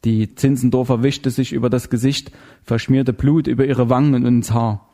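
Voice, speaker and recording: A man narrating an audiobook in a measured, dramatic way. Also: medium pitch, fairly even intonation, warm tone. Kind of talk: scripted narration.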